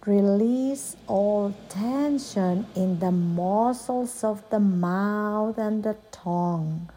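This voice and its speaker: A woman softly and soothingly guiding a yoga nidra relaxation as the instructor, leaving long pauses between phrases. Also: mid-range voice, slight background noise. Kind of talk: guided relaxation meditation.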